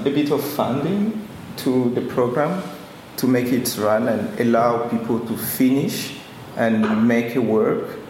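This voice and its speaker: A man's voice: medium pitch, gravelly, a little mellow. A curator from Congo speaks to a gathered audience in an earnest, searching way. He often restarts his phrases as he talks. His voice rings through a very echoey room with a light hiss behind it. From Democratic Republic of Congo. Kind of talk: introductory talk at a public event.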